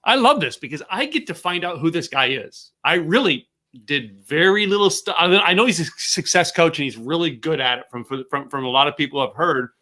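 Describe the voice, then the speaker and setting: A man hosts an interview show over a video call from a home office. His voice sits a bit high and sounds bright and forceful. He is chatty and often stammers and restarts his sentences. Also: lively intonation, fairly quick. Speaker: show host.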